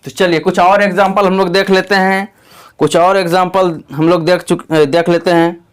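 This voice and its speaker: High, clear-voiced Hindi English teacher. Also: male voice, little pitch movement, moderate pace. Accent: Bihari Hindi. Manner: patient, repeats phrases, reassuring asides to students. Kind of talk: online grammar lesson.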